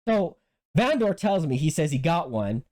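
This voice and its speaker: At a moderate pace, the podcast host narrates an animated, curse-laden story during casual talk. He keeps restarting sentences and spikes high whenever he repeats what he said.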